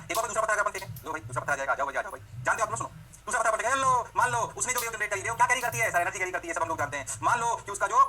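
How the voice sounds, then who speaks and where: A man teaching physics in a fast revision lecture. He asks questions and answers them himself, slips English phrases into his Hindi, and adds playful "oh ho ho" sounds. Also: high-pitched, sharp tone, a little hiss or hum.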